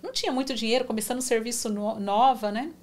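A woman's voice: a little high, fast talker. A woman in her forties telling her faith testimony in a podcast conversation, recounting her prayers with emotion. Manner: emotional, animated storytelling with reenacted prayers. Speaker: guest giving testimony.

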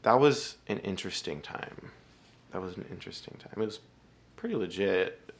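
A man chatting casually on a podcast as a guest, hesitant and full of fillers, joking with a deadpan delivery. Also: low-pitched, normal speed, creaky.

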